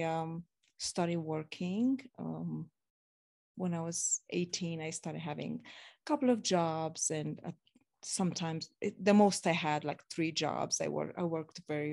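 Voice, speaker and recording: Lower-voiced woman from Romania. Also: vocal fry, darkish tone. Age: 40s. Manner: modest, laughs between phrases. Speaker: podcast guest. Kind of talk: casual interview storytelling.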